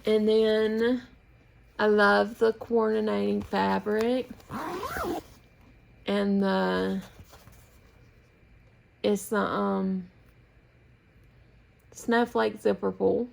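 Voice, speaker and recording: A woman from the United States, a flosstube host, casually shows and tells about her projects at home, speaking slowly without hurry. Her medium-pitched voice has a gravelly fry and a level tone, and she meanders, pausing and restarting as she talks.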